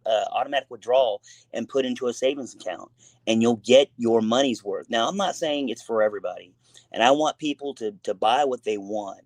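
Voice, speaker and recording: A man's voice: mid-range voice, no room sound. A man with a son, hosting a casual gaming talk show, talking in long, rambling, emphatic runs full of fillers and restarts. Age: adult with a son.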